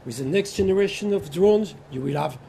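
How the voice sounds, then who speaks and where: A man speaking as a guest on a conference panel, halting often as he searches for words. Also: high voice, gravelly, warm tone, slight background noise. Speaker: panel guest, company executive. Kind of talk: panel discussion. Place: conference exhibition stand.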